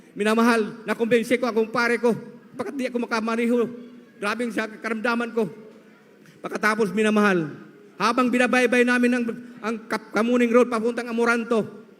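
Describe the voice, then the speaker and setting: High-voiced man testifying in a reverberant hall. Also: a bit bright. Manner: storytelling, repeatedly addresses listeners as beloved. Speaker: church member giving testimony. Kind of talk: emotional testimony to a congregation.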